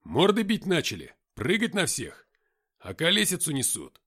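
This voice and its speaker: A man's voice: a little high, huge pitch swings, moderate pace, sharp tone, breathy edge, voice pushed up, heavily acted. A man voicing an agitated male soldier making an urgent report.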